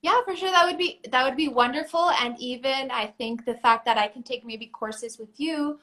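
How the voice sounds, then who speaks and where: A young Mexican woman who speaks Spanish hosts a live video chat in English, sounding friendly and enthusiastic. She's a pageant titleholder and stream host, and her voice sits high with a fairly bright tone at a moderate pace.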